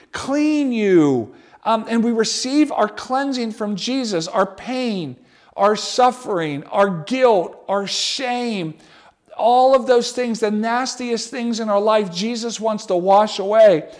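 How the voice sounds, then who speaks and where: High-voiced man preaching a lively sermon. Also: slow. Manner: animated, conversational preaching with many restarts. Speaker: pastor.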